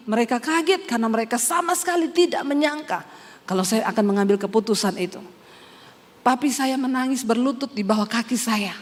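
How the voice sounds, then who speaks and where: A woman pastor in her forties from Central Sulawesi, earnestly telling her testimony in a sermon and addressing listeners as brothers and sisters. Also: on the high side. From Poso, Central Sulawesi, Indonesia. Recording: long hall reverb.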